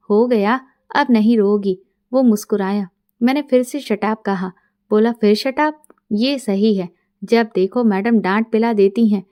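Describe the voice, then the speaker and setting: A middle-aged woman tells a first-person story and reads all the parts herself in a calm, even manner. Her voice sits a little high and sounds warm and mellow.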